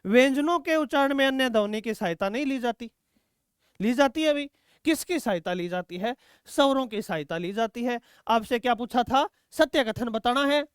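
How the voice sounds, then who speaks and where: A man's voice: very high voice, animated, moderate pace, clean tone, no echo, clean studio sound. A male teacher taking students through exam quiz questions, asking questions and answering them himself and calling students "beta". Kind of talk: exam-prep quiz lesson.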